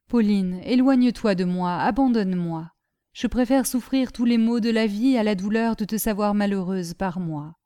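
Female audiobook reader, dark mellow tone, dry close sound, grave measured reading of an old letter. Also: no room sound. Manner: measured, grave and deeply felt delivery.

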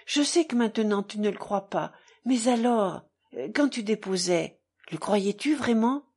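A woman reads as an impulsive, exalted young man who halts on every word. Her voice stays breathy and husky at a middle pitch, in the manner of an audiobook reading. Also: lively intonation, darkish tone. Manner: halting, stopping at each word.

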